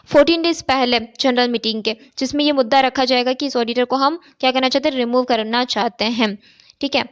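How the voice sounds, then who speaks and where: A woman with a high voice tutors chartered accountancy at a brisk pace in a recorded exam-prep lecture. Going step by step, she asks questions, answers them, and repeatedly checks in with "okay," heard through a dull, lo-fi recording.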